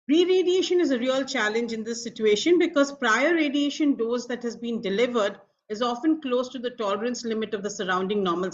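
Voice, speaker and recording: A middle-aged woman with an Indian accent giving a formal, measured medical lecture as a professor. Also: fairly high pitch. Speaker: professor of radiation oncology, guest speaker. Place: online video call. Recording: dull lo-fi video call audio.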